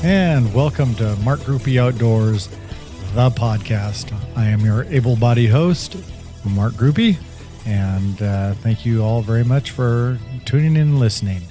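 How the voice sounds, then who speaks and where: A man's voice: mid-range voice, animated, measured pace, music in the background. A middle-aged man hosting a casual podcast, joking and rambling with lots of fillers. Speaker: podcast host.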